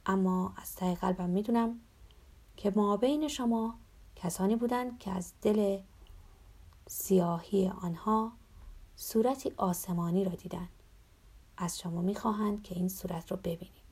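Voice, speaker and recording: A woman voicing a weary, gentle older male prison priest who speaks softly and pleadingly, sometimes in a whisper, in a dark, gravelly voice. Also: mid-range voice, long pauses. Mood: solemn.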